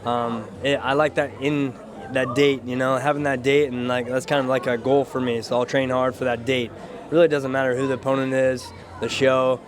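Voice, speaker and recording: A man's voice: mid-range voice, level tone, moderate pace, crowd noise. A man who is a fighter, answering interview questions casually in a modest, matter-of-fact way. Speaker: professional MMA fighter.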